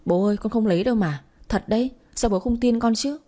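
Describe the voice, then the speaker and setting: A woman's voice: a little high, fast talker, warm tone, pitched above the performer's own voice, lightly acted. A woman voicing a tearful wronged teen girl. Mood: pleading. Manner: pleading, tearful protest. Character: wronged tearful teenage daughter.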